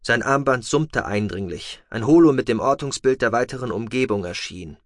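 A man narrating a science fiction audiobook in steady, even storytelling. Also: medium pitch, normal speed, dry recording, clean studio sound.

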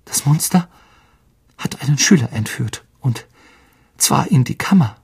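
A man's voice: mid-range voice, animated, measured pace, gravelly, darkish tone, slightly rough, exaggerated voice. A man voicing a stern older female teacher in an audiobook reading, grave and commanding. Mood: hushed. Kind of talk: audiobook character voice.

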